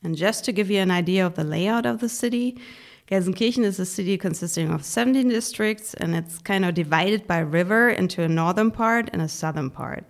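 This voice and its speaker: A woman podcast host speaks English. Her voice sits a little low and has a marked creak, and she presents prepared material in a conversational way. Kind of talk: scripted conversational narration.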